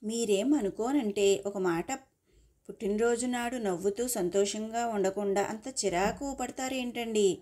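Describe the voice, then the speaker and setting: A woman's voice: mid-range voice, unhurried, mellow, close to an everyday voice. Woman voicing a teasing cheeky young man. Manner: teasing, mock-polite.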